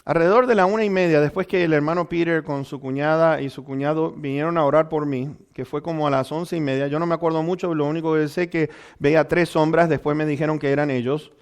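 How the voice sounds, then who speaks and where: A man's voice: on the high side, fairly even intonation, quick pace, hardly any pauses, clear, resonant tone. A man preaching a sermon, telling a personal testimony with many restarts and fillers. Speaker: pastor.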